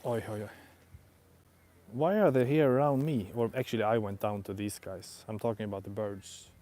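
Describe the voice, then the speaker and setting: A man's voice: lowish voice, normal speed, warm tone. A man who speaks English as a second language, thinking aloud in a casual vlog on an outdoor walk, rambling hesitantly and often rephrasing himself. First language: not English. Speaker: vlogger.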